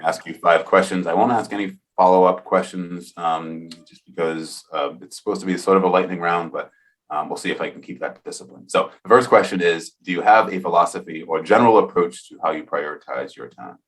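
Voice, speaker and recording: Deep-voiced earnest male podcast host. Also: fairly quick, fairly bright tone. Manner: earnest, enthusiastic, thinks aloud. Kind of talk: casual interview conversation.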